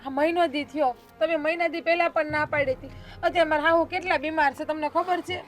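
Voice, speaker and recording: A woman playing a defiant young married daughter in a short film, sharp-tongued. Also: high-pitched, fairly even intonation, a little fast, soft background music, lightly acted.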